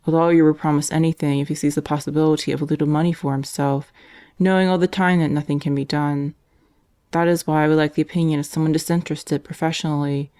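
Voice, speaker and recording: A woman voicing a calm, devout male prisoner whose letters are gentle and resigned. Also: low-pitched, quick pace, close to an everyday voice. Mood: earnest.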